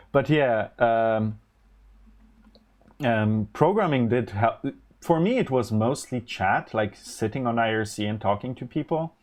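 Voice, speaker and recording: A Polish-native man with a mid-range, somewhat dark voice speaks slowly but with lively intonation. Hosting a live stream, he chats offhandedly while working on electronics design, rambling and restarting often amid many fillers.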